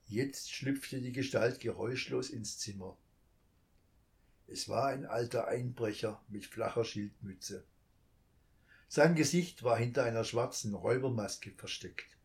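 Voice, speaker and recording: Male narrator for a storybook: slow, calm, measured read. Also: mid-range voice.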